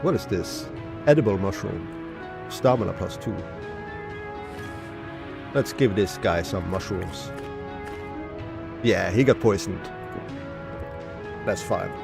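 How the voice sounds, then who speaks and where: A man's voice: low voice, slow, creaky, long pauses, music in the background. A man from Norway, casually commenting on a live game stream and reading game text aloud. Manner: reads game text aloud, muses to chat.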